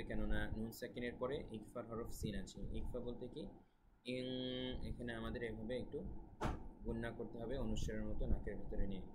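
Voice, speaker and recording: Male recitation teacher, patient and repetitive, slow speech, noisy home recording. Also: on the low side. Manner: explains pronunciation patiently, repeats words slowly. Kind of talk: recitation lesson with slow chanted verses.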